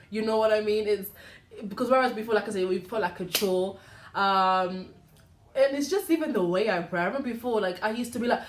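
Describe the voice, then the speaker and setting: A woman's voice: medium pitch, slight background noise. Chatty woman in an echoey room. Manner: warm, chatty, animated, full of "you know". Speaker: podcast host. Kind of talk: casual faith podcast monologue.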